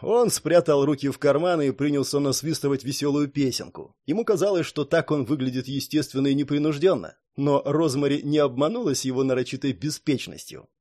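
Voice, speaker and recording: A man narrating a fantasy audiobook in an expressive, animated way. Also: a little high, a little fast, few pauses.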